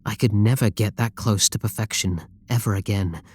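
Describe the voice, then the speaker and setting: His voice is lowish, natural and darkish in tone, moving at normal speed. The British man is playing a doting, controlling game developer, obsessive, possessive and lovestruck, in an intimate roleplay audio drama, with a fervent, confiding mood and pleading endearments.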